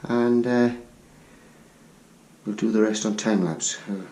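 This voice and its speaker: A man's voice: fairly low pitch, fairly even intonation, takes it slowly, warm tone. A man talking casually to camera while fitting a door in a small room, chatty and a little out of breath, apologising as he goes. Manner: chatty, self-deprecating, apologetic asides. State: slightly out of breath. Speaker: DIY renovation vlogger. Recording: echoey room with faint noise.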